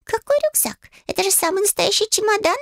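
A woman's voice: very high-pitched, fairly quick, fairly bright tone, no room sound, clean studio sound, pitched above the performer's own voice. A woman voicing a sarcastic female owl familiar in an audiobook, mocking and indignant.

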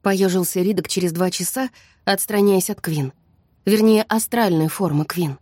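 A woman narrating a fantasy audiobook in the first person, in a tense, hushed storytelling manner. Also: lowish voice, moderate pace, breathy edge, no room sound, studio quality. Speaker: audiobook reader.

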